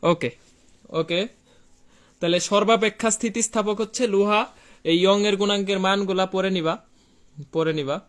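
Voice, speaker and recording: A man's voice: sits high, fairly even intonation, moderate pace, pauses often. A young man tutoring physics in a live online class, chatty and colloquial, repeating key terms and asking students questions. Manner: repetitive, asks students questions and reads their answers.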